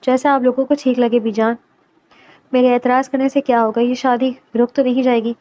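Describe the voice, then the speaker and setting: A woman's voice: on the high side, level tone, warm tone, dry recording, close to an everyday voice. A woman reading the part of a tearful young college student in a storybook reading, with a plaintive manner.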